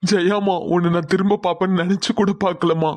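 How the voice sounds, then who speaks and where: A man's voice: high voice, flat delivery, fast, a little mellow, no echo, studio quality, lightly acted. A man voicing an emotional older chairman in a cartoon, begging his lost sister's forgiveness. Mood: tearful. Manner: emotional, imploring. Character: tearful older chairman, long-lost woman's brother. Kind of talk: cartoon voice acting.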